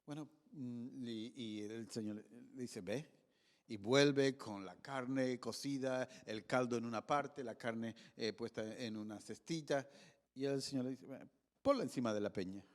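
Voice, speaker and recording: A man with a Spanish accent preaching a sermon, swinging from raised emphatic lines to quiet hushed ones. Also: medium pitch, unhurried. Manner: animated preaching, voice rising and dropping to a hush. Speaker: pastor. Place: church hall. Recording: long church reverb.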